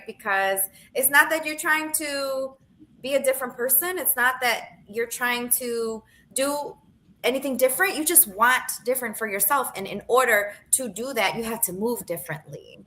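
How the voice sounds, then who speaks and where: Forties woman podcasting, crisp bright voice, keeps saying right?. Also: fairly high pitch, slight background noise, low-quality recording. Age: 40s. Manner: earnest, keeps asking "right?". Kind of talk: casual podcast conversation.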